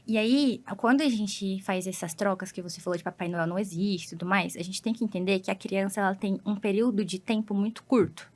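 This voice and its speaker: A woman's voice: mid-range voice, brisk, hardly any pauses, a little mellow. A woman psychologist with a Brazilian accent, patiently explaining things with everyday examples as a podcast guest.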